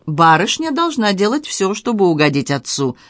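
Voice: mid-range voice, very animated, moderate pace, no room sound, studio quality, close to an everyday voice. A reader doing Dixon, an old preachy servant. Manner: lecturing, homely. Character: old male servant Dixon, gruff and moralising.

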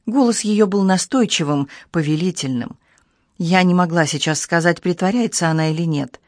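A woman's voice: on the low side, moderate pace, no room sound. Woman reading a novel aloud, dry sound. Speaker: audiobook reader. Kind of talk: scripted narration.

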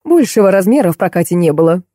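A woman's voice: fairly low pitch, sing-song, fast talker, dark tone, no echo, studio quality. A woman reading an audiobook, voicing a big, commanding female gym teacher. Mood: explaining.

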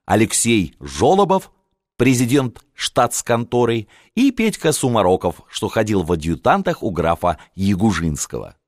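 A man reads a novel aloud with expressive, dramatic delivery, his lowish voice rising and falling widely. It sounds like a studio read, close and completely dry. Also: normal speed, no room sound. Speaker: audiobook narrator. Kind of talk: scripted audiobook narration.

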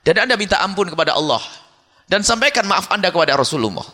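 A man preaching a sermon with Quran commentary, switching into pleading prayer voices and acting out dialogue. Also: quick pace. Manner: animated, acts out prayers in high voice. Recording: hall reverb.

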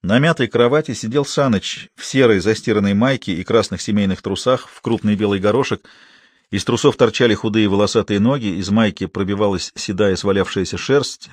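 A man narrating a first-person story in a calm, measured way. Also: on the low side, dry recording, clean studio sound. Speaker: audiobook narrator.

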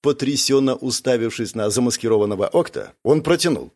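A man narrating a first-person fantasy audiobook in a calm but expressive way. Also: medium pitch, a little fast.

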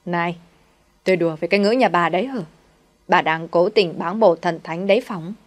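A woman's voice: on the low side, steady tone, normal speed, close to an everyday voice. A woman voicing a greedy, scornful middle-aged female village shaman who sneers and scolds. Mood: furious.

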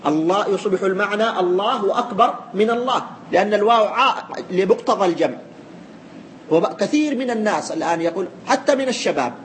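A man's voice: high voice, a little hiss or hum. A man teaching religious law to a class, explaining by repeating his points and quizzing his students. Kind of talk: classroom lesson with student questions.

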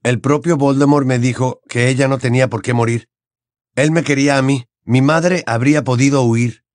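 A man voicing a somber teenage boy wizard in an audiobook, in a quiet and grave voice. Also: mid-range voice, fairly even intonation, moderate pace, no room sound, clean studio sound, voice pushed up, natural voice. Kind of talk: audiobook character voice.

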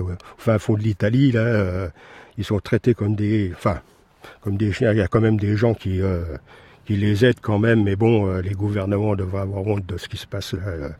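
A man's voice: lowish voice, warm tone, slightly rough. Hesitant older man from Italy. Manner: hesitant, many fillers, indignant. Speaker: former factory worker and union member. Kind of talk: documentary interview testimony.

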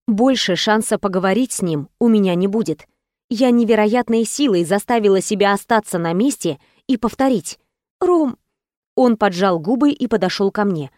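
A woman's voice: mid-range voice, darkish tone, no echo. A woman giving an earnest, emotional first-person audiobook narration into a close studio mic.

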